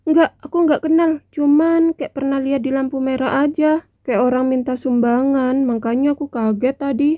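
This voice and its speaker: A woman's voice: high-pitched, fairly even intonation, moderate pace, natural voice. A woman voicing an irritable, defensive young wife in a cartoon, snapping and muttering asides. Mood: flustered. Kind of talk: amateur cartoon voice acting. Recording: dull lo-fi recording.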